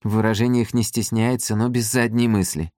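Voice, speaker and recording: A man's voice: lowish voice, fairly even intonation, fairly quick, darkish tone, dry recording, clean studio sound, voice pushed up, natural voice. A man reading an audiobook, voicing a cheerful, teasing young woman. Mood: explaining. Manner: playful, teasing.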